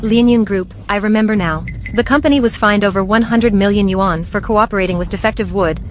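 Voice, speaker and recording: A woman's voice: mid-range voice, fairly quick, a little hiss or hum, close to an everyday voice. A woman voicing a cold, commanding company chairperson. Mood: stern. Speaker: dub actor. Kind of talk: English dub of a drama.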